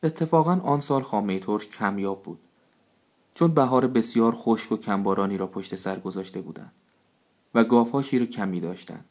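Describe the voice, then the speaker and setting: A man narrating a storybook in a steady, measured way. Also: on the low side. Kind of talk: scripted narration.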